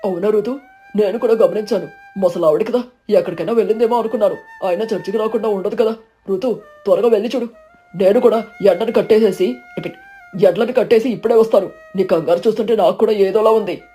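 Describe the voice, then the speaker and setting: A woman voicing a kind, firm young village husband who speaks quickly and reassuringly, in a storybook. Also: medium pitch, dark tone, soft background music, natural voice. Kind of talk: storybook narration.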